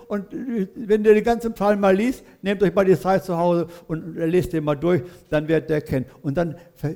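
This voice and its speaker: An older lay preacher with a fairly high voice gives a sermon in a church hall. He rambles in a folksy way, weaving in his own story, often stopping to correct himself and checking in with his listeners. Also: dark tone. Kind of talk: church sermon with personal testimony.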